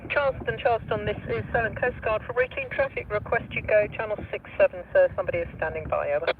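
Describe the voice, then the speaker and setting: A man's voice comes through a marine VHF radio as a coast guard operator, pitched high and quick, speaking in clipped radio procedure. It sounds tinny, with the narrow band of a small speaker. It is caught off-mic from across the boat, with loud wind and water noise. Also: distant mic. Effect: heard over a marine VHF radio. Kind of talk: radio traffic call.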